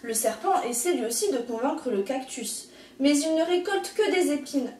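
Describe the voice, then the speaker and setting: A woman teacher reading a picture book aloud in an expressive, gentle storytelling manner, in an echoey room. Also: high voice, moderate pace, recorded from a distance, a little hiss or hum.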